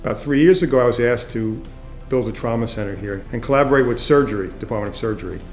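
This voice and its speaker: A man's voice: medium pitch, quick pace. Man, emphatic praise, echoey room, faint music under. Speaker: hospital leader. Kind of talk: tribute interview. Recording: roomy echo. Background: soft background music.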